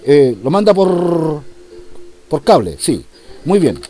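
A man's voice: on the high side, big pitch swings, slow pace, mellow, faint music behind. A man performing a comic monologue as a police commissioner taking a phone call, in a mock-formal, polite manner.

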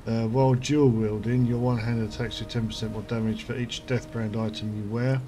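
A man at an ordinary middle pitch gives relaxed commentary on the game he is playing, thinking aloud and reading item stats as he goes. Game music plays clearly beneath his voice the whole time. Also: brisk. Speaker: gaming channel host. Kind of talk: casual gameplay commentary.

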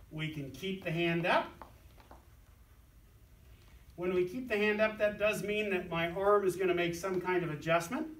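A man's voice: high-pitched, a bit bright, roomy sound, recorded from a distance. A man teaching a dance lesson, explaining steps and counting them out rhythmically. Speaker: dance instructor.

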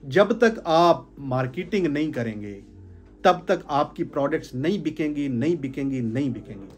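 A man's voice: on the high side, animated, normal speed, soft background music. Emphatic man lecturing on sales. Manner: emphatic, repeats phrases for stress, gestures while talking. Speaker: sales trainer. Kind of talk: informal business talk to a small group. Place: indoor room with curtains.

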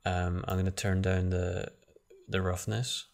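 At his computer, a man with a low, gravelly voice gives a screen-recorded software tutorial. He's flat and relaxed, unhurried, thinking aloud and restarting sentences as he goes.

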